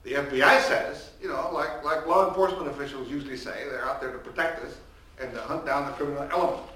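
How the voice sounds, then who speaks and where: Talking fast in a slightly high voice, the older man booms out a conversational lecture on a panel, unmiked in a large reverberant hall, restarting repeatedly and using plenty of fillers. The mic sits at a distance, picking up roomy echo and faint ambience.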